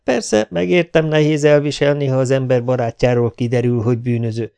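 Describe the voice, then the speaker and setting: A man's voice: mid-range voice, steady tone, creaky, mellow, clear, resonant tone, no echo, close to an everyday voice. A man reading an audiobook, voicing a fawning male official in a raised, wheedling voice. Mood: ingratiating. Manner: ingratiating, wheedling.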